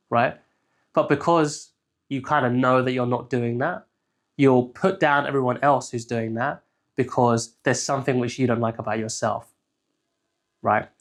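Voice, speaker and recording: A young man from England talks through ideas as a coach in a relaxed, unscripted solo talk. His voice sits at an ordinary middle pitch, and he keeps checking in with his listener after almost every point. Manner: conversational, keeps checking in with "right?". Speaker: life coach. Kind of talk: casual solo teaching talk.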